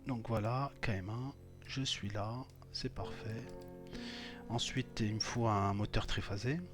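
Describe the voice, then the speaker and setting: A man's voice: lowish voice, fairly even intonation, a little slow, over music. A man teaching electrical wiring, walking through each step on screen as he clicks, with many hesitations and fillers. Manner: thinks aloud while clicking, many fillers. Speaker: electrical instructor. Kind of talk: screen-recorded software tutorial.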